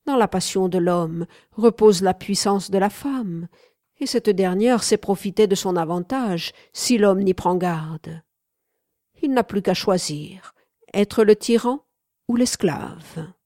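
A woman reading aloud and voicing a domineering, cynical nobleman with loud, commanding outbursts. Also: medium pitch, slow, dry recording, clean studio sound, close to an everyday voice. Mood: lecturing. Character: domineering middle-aged nobleman, harsh and cynical.

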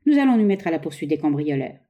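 A woman's voice: sits low, sing-song, quick pace, dull audio. A woman reading aloud, voicing an exasperated husband, a naturalist, in a plain, impatient way.

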